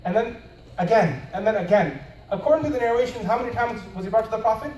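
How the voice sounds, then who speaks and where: Male preacher, quick and lively, dropping to hushed tones for effect; roomy hall sound with a faint hum behind. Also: sits high. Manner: animated storytelling, swings from loud to hushed. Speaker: Islamic preacher. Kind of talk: lecture at a conference. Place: conference hall. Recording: echoey hall from far off.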